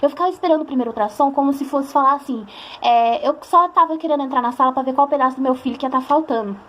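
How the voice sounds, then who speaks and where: Fast-talking young Brazilian woman, high voice. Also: a bit bright. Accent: Brazilian Portuguese. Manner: chatty, emotional, acts out quoted voices. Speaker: vlogger. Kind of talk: personal storytelling to camera.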